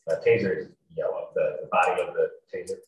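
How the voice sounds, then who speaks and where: The young officer on the stand speaks quickly in a low-pitched, steady tone, his words formal, terse and procedural. The courtroom video call carrying him sounds distant, echoey and a little noisy.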